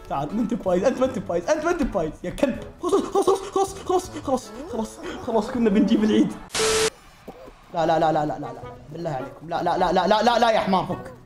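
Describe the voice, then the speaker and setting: Young guy yelling over a game, super fast, high and jumpy voice, roomy sound w/ game music. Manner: excitable, repeats words rapidly, laughs and yells often. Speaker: gaming streamer. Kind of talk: frantic gaming commentary.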